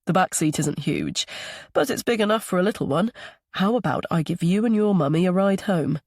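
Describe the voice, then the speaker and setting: A woman's voice: lowish voice, lively intonation, fairly quick, a little mellow, no room sound, clean studio sound. A woman reading the part of a charming, attentive man on a date, speaking in an easygoing, persuasive way. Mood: friendly.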